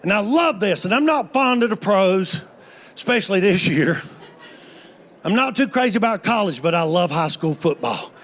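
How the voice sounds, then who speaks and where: A man's voice: high-pitched, lively intonation, normal speed, fairly bright tone, slight background noise. A man, telling folksy stand-up stories with playful punchlines. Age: 50s. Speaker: stand-up comedian. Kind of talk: stand-up comedy storytelling.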